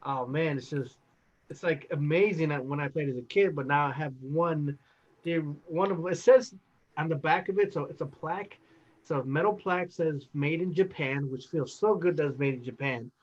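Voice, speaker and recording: A man in his late thirties co-hosting a casual gaming podcast, telling long excited stories. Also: a little high, moderate pace. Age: 30s. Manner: rambling, excited storytelling. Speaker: podcast co-host. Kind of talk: casual chat. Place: home, Wisconsin. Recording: dull lo-fi audio.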